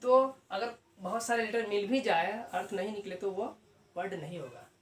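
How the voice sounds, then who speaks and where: Male teacher, classroom lesson at a board, self-answered questions, slow repeated key words, echoey room, distant mic. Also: sits high. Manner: asks rhetorical questions and answers them himself; repeats key terms slowly. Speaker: English grammar teacher. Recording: echoey room, mic far off, faint hiss.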